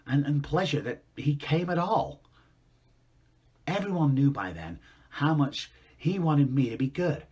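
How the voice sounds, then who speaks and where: An actor playing a grown man recalling a harsh father in a quiet, reflective monologue. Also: medium pitch, slightly rough. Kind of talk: dramatic monologue.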